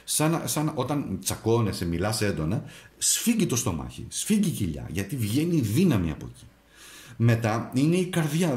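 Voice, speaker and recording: A man gives a tarot reading, talking straight to the viewer and offering advice. His pitch swings up and down as he speaks. The room around him echoes. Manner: animated, addresses the viewer directly, gives advice. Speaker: tarot reader and astrologer.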